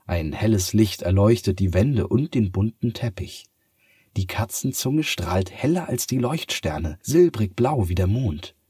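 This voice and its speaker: Slow, husky man reading a bedtime story. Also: fairly low pitch, lively intonation, mellow, no room sound, clean studio sound. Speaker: narrator.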